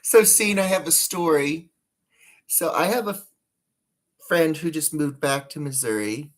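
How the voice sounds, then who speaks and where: A woman hosting a laid-back live chat, speaking with an American accent that mixes northern and southern sounds. She takes her time, unhurried and drawn out. Her talk rambles and halts, blunt about what she thinks. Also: low voice, animated. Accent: mixed northern and southern American. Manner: rambling, halting, frank. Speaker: livestream host.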